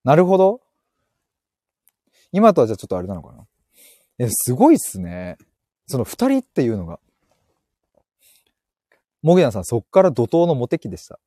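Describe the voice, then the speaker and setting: A man's voice: mid-range voice, huge pitch swings, a little fast, pauses often, warm tone, no room sound, studio quality. A man hosting a casual live stream, reading listener comments and joking with frequent laughter while he walks outdoors, speaking into an earphone mic. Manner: playful, laughs often, joking. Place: outdoors, walking.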